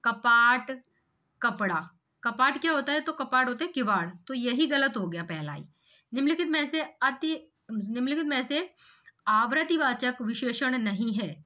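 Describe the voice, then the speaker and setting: A woman teacher works through an exam paper one question at a time. She explains every answer in steps and keeps asking rhetorical questions as she goes. Her voice sits a little high with a crisp, bright edge. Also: animated, moderate pace. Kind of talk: exam paper walkthrough lesson.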